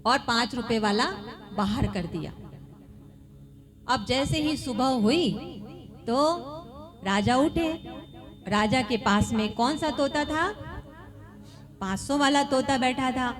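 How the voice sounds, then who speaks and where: Woman storyteller for kids, high and slow, quizzes the audience, music underneath. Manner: asks listeners questions and repeats answers. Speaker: storyteller at a student camp. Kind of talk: moral storytelling for children. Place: ashram camp gathering. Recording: music playing behind the voice.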